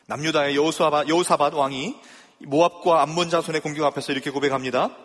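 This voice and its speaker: High-voiced male pastor in a reverberant hall. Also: fairly even intonation, quick pace. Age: young adult or middle-aged father. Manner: emphatic rhetorical questions to the congregation. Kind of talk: sermon.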